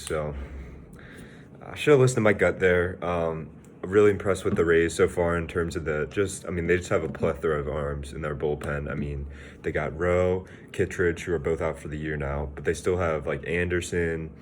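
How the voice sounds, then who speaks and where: Young man, very low voice, rambling offhand sports vlog host, slightly winded. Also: steady tone, moderate pace, a little hiss or hum. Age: young adult. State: slightly out of breath. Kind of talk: casual sports vlog talk.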